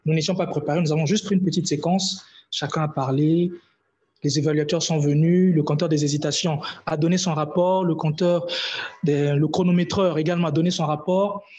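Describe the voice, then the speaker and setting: A man's voice: on the high side, steady tone, a little fast, darkish tone, husky, lo-fi sound. A man leading a public speaking club meeting, giving feedback and announcements, often hesitating and repeating words. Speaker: meeting leader and evaluator.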